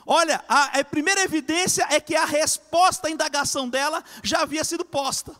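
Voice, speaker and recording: A man preaching a fervent sermon, swinging between loud cries and hushed lines. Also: very high voice, fairly quick, big-room sound.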